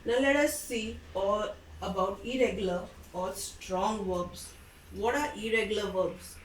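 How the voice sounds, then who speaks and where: A woman's voice: medium pitch, slight background noise. Woman teaching grammar in an echoey room. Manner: slow, explanatory, spells out letters and endings. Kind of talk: grammar lesson. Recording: echoey room from a distant mic.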